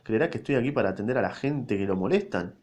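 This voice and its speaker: A man's voice: fairly low pitch, lively intonation, quick pace, darkish tone, natural voice. A man voicing an irritable, haughty male Martian who speaks sarcastically. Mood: sarcastic. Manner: sarcastic, indignant, slangy.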